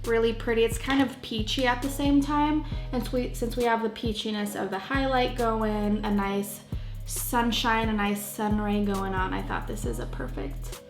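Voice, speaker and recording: Beauty vlogger, woman, chatty and playful, slightly high voice, roomy sound with faint music. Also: moderate pace. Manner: chatty and playful, trails off mid-sentence. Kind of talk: casual makeup tutorial chat.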